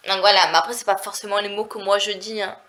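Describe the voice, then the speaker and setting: A woman's voice: medium pitch, little pitch movement, fast, fairly bright tone. A woman from southern France with a nasal voice, chatting casually and rambling in a vlog. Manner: chatty, rambling, heavy on fillers. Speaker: vlogger.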